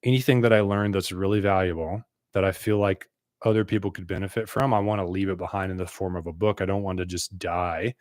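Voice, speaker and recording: A man's voice: deep voice, fairly even intonation, a little fast, a little mellow, dry recording, clean studio sound. A man in his thirties from the United States, a business coach telling his own story to camera in an earnest, conversational way.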